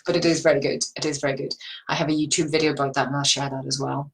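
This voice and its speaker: A woman's voice: extremely low pitch, flat delivery, very fast, gravelly, rough recording. A woman with a Northern Irish accent giving informal business advice in an earnest, encouraging, rambling way, repeating phrases for emphasis. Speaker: business coach. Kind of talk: informal advice monologue to online viewers.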